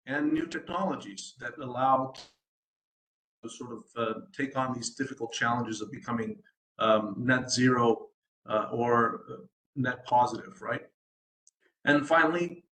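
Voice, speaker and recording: A man's voice: mid-range voice, bright, forceful tone, roomy sound, slight background noise, low-quality recording. A man from the United States, a sustainability design consultant, giving a presentation at an online event, hesitant with many ums and restarts and a habit of asking "right?".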